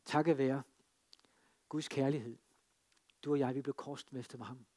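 A man preaching a sermon, telling the story dramatically and swinging between emphatic lines and hushed ones. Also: medium pitch, steady tone. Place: free church.

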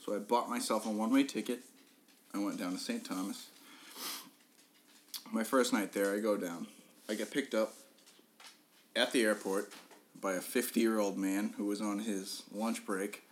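A man's voice: fairly low pitch, fairly even intonation, moderate pace, pauses often, slight background noise. A young man on a podcast telling a funny story in a casual way, swearing often, laughing at his own story and often restarting his sentences. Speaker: podcast co-host.

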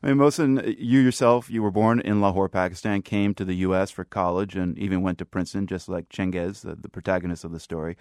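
A man hosting a radio news program, reading his narration and interviewing with a steady, clear delivery. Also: low-pitched, brisk, few pauses, no room sound, studio quality. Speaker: radio host.

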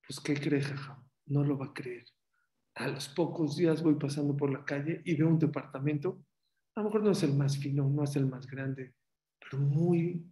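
A man teaching as a rabbi, telling stories in an animated sermon whose voice climbs sharply at dramatic moments. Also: on the high side, roomy sound. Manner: animated storyteller, voice rising sharply at dramatic points. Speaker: rabbi teaching a Torah class. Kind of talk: storytelling sermon.

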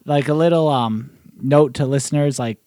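A man's voice: a little high, normal speed, mellow, no room sound. A man hosting a podcast in natural, unscripted casual talk, with a probing, teasing way of talking. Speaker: podcast host.

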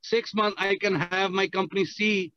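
Caller, male, high voice, on a dull, dry car speakerphone, explaining in careful detail. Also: steady tone, normal speed, pushed and bright, no echo. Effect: car speakerphone while driving. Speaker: caller asking a question. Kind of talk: casual question on a call.

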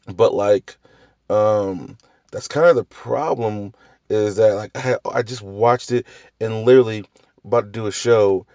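On a casual solo podcast reviewing TV series, a man with a lowish, slightly slow and mellow voice wanders through tangents, restarting sentences and swearing now and then. A slight cough lingers from the flu, and the audio is dull with no echo.

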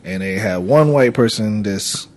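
A man co-hosting a casual podcast, making his points patiently between steady agreement. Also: fairly low pitch, measured pace. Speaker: podcast co-host.

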